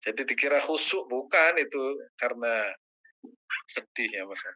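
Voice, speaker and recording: A man teaching as an ustaz in a religious study session, answering questions, quoting Arabic prayers and rising high in pitch when stressing a point. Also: animated, moderate pace, sharp tone, low-quality recording.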